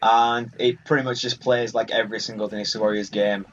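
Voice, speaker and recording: A man gives rambling, casual let's play commentary over video game music, speaking fairly quickly with little pitch movement. His voice is fairly low and fairly bright. The recording sounds muffled, with a bit of hiss or hum.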